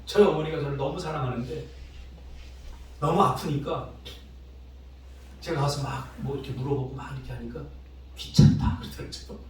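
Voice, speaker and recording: A male pastor preaching a sermon, telling stories with emotional swings between soft and loud. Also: fairly even intonation, fairly quick, pauses often, slight background noise. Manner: emotional storytelling with dramatic swings in pitch and loudness. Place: church sanctuary. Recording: echoey church hall, distant mic.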